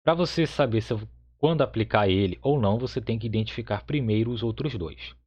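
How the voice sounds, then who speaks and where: A man's voice: medium pitch, a little fast, darkish tone. A man teaching a Hebrew grammar lesson, explaining step by step in a patient way and often checking with the listener. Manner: patient, repeats points with frequent "tá?" checks. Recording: slightly dull lo-fi audio.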